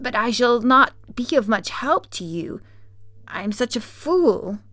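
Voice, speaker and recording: A foolish male scarecrow from a storybook, as a woman acts him out. He is humble and eager, pitched up high and always putting himself down in a dry, close sound. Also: expressive, measured pace, a bit bright, dry recording. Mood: humble, willing. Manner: self-deprecating.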